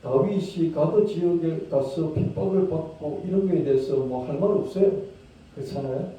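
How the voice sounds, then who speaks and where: A man preaching a sermon as pastor, talking conversationally, asking his listeners questions, and acting out hushed pleading prayers. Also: fairly high pitch, moderate pace, slight background noise. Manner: conversational, asks the congregation rhetorical questions. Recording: distant, very echoey dull-sounding room.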